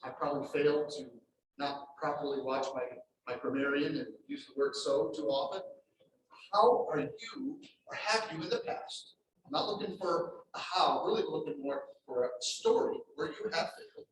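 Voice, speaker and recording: Background noise surrounds a man whose fairly high voice is expressive and moves at normal speed. He is the table topics master at a speaking club meeting, casually urging members to share short stories and repeating his words in an encouraging way.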